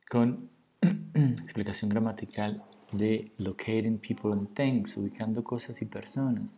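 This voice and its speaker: A man gives a recorded grammar lesson for beginners. His voice is low and dark, unhurried and patient. He slows to model English words, then explains them in Spanish. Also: creaky. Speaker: English teacher.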